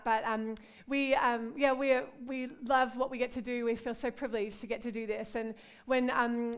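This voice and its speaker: At a women's conference, a middle-aged pastor from Australia preaches and prays with earnest warmth, returning often to "God" and "Lord." She has an Australian accent and a fairly high voice with a clean tone.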